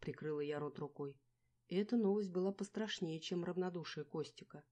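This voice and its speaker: A woman reading a first-person audiobook in a wry, measured storytelling manner. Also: fairly low pitch, dark tone. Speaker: audiobook narrator. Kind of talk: scripted first-person narration.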